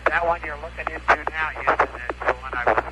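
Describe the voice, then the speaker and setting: Man breaking up over a crackly radio link. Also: fairly high pitch. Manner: halting, thinking aloud with many pauses and fillers. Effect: voice breaking up and dropping out over the radio link. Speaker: astronaut describing the lunar surface from orbit. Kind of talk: live radio air-to-ground report. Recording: noisy, crackling radio transmission.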